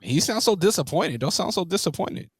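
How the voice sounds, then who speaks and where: A man with a slightly high voice co-hosts a casual podcast, animated and teasing, with frequent laughs. His mic sounds dry and close, with little room sound. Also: fairly quick, breathy edge, no room sound. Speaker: podcast co-host. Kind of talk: casual chat.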